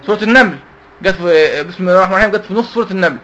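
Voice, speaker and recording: Egyptian male teacher of a youth Quran class, quick-fire, raised pitch, asks and answers his own questions. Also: fairly bright tone, muffled recording. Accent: Egyptian Arabic. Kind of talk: religious lesson to youth.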